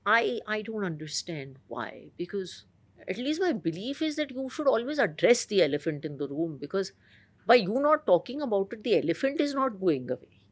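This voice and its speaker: A woman's voice: medium pitch, very animated, moderate pace. A woman with a polished, educated Indian accent, speaking articulately in a conversational interview. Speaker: interview guest.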